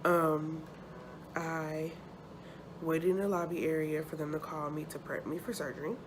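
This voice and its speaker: A woman vlogger chatting casually and haltingly, sounding sore and uncomfortable after surgery. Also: low-pitched, level tone. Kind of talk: casual chat, personal update to camera. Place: hospital room. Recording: noticeable background noise.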